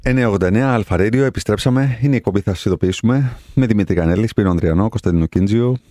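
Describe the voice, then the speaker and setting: A man with a very deep, mellow voice co-hosts a radio talk show in an easygoing way, laughing along with the others. He sounds close and dry at a studio mic. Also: no room sound. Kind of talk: casual studio banter. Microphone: studio microphone.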